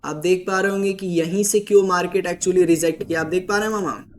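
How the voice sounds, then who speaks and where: A man's voice: high-pitched, steady tone, fast talker, a little hiss or hum. A man hosting a casual stock market chart walkthrough, patiently explaining and checking in with his listener. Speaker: market analysis host.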